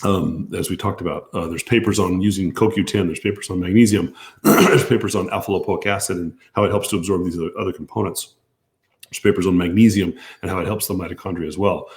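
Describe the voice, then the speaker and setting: Hoarse, gravelly low-voiced man. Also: fairly even intonation, fast. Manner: hesitant, many restarts and fillers. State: losing his voice from allergies. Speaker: doctor answering viewer questions. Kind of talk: live-stream Q&A.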